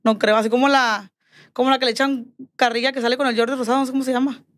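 A woman's voice: high-pitched, racing. A woman telling a personal story as a podcast guest, in a chatty way that acts out quoted dialogue. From Mexico. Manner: animated, acts out quoted dialogue, repeats "me dijo". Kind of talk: casual storytelling chat.

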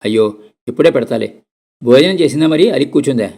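A gentle middle-aged daughter, read by a man, coaxing her mother in a soft, pleading way. The voice has a gravelly grain. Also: medium pitch, expressive, quick pace. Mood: concerned.

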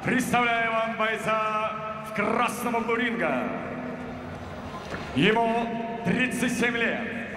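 A male ring announcer giving formal, booming fight introductions with drawn-out shouted names in an echoing arena. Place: large indoor fight arena. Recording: echoey arena PA with crowd noise.

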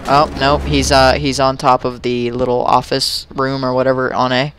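A man's voice: mid-range voice, monotone. A man chatting and teasing a friend in game voice chat, calling out plays and laughing often. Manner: teasing, laughing, quick callouts. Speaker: gamer. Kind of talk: casual chat over game voice chat. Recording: noisy game audio behind voice chat.

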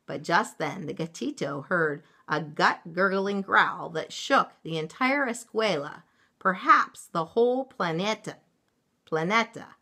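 A woman reading a children's picture book aloud as a storyteller, expressive and unhurried. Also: fairly low pitch. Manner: expressive and unhurried, drawn-out words.

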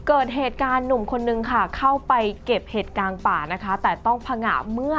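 A woman's voice: fairly high pitch, a little fast, a bit bright. A woman presenting the news in a conversational reading style, with frequent polite particles. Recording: slightly dull recording with faint music behind.

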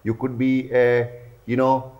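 A man's voice: mid-range voice, monotone, a little slow, dark tone, muffled recording. A man, hosting a promotional interview as a defense journalist, earnest with frequent "you know" fillers, recorded indoors in a living room. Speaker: host, aerospace and defense journalist.

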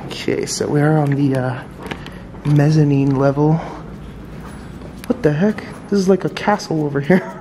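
A man with a fairly high voice talks casually as a vlog host. He addresses a handheld camera in a big echoey indoor space, with some background noise. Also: fairly even intonation, normal speed, pauses often, dark tone. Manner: informal, laughs often, talks to camera. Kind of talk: casual on-location vlog chat. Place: large empty hotel lobby, indoors. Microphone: handheld camera at arm's length. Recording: echoey, reverberant lobby with clear background noise.

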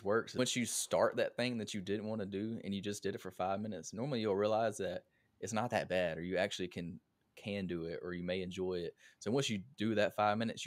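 Guy hosting a podcast, kinda low voice, earnest and chatty about his own routine. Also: no room sound. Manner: earnest, conversational, shares his own habits. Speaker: podcast host. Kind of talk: podcast interview.

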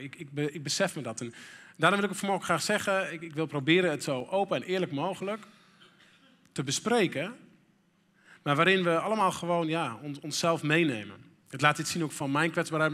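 Candid pastor in a reverberant church. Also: male voice, on the high side, brisk, fairly bright tone. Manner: candid, conversational, with frequent fillers and laughs. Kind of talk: sermon. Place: church hall.

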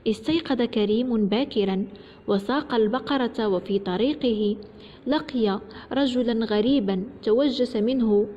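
A woman storyteller telling a tale to children, addressing them directly and warmly as she narrates. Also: on the high side, measured pace. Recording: dull echoey recording, faint noise.

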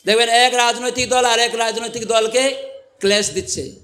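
A monk preaching a devotional sermon to a live audience, asking it rhetorical questions and quoting scripture. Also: male voice, very high-pitched, steady tone, normal speed, sharp tone.

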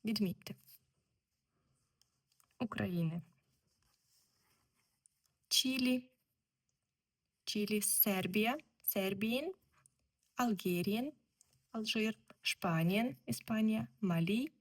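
A woman teaching German, explaining textbook exercises slowly and repeating each word. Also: medium pitch. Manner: slow, deliberate, repeats words.

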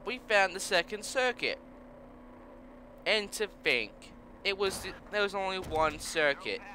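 Young male gamer, high lively voice, bright tone, frustrated racing commentary, faint hiss behind. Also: a little slow. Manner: frustrated, swears and yells at opponents. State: voice strained. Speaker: let's play gamer. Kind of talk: gameplay commentary.

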